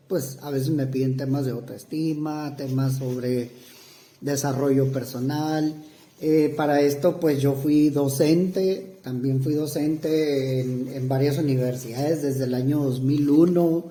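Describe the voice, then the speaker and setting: Un hombre mexicano de unos cuarenta años, psicoterapeuta, que responde una entrevista con titubeos, muletillas y frases que vuelve a empezar. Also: male voice, fairly high pitch, warm tone. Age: 40s. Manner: halting, many fillers and restarts. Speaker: psychotherapist interviewee. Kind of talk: hesitant interview answers. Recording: roomy echo.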